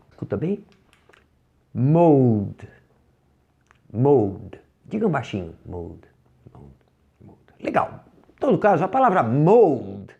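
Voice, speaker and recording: Brazilian guy teaching english, takes it slow, voice goes all over the place. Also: on the high side, warm tone. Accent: Brazilian Portuguese. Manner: patient, drills words, slows down to model pronunciation. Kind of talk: recorded lesson.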